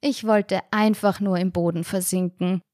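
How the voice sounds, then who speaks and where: A woman reading a first-person storybook aloud in a lively, wry way. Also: medium pitch, moderate pace, dry recording, studio quality. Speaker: audiobook reader.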